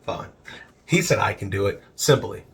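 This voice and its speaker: Low-voiced man, crude joker, lively swinging pitch, casual podcast banter. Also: normal speed, gravelly. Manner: crude joker, loud laughs. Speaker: podcast co-host. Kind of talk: casual podcast reaction chat.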